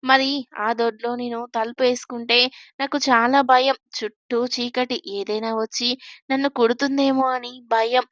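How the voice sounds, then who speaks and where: A woman's voice: a little high, level tone, moderate pace, a bit bright, no echo, clean studio sound, natural voice. A woman voicing a timid, innocent young girl bride who chatters anxiously. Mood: innocent fearful.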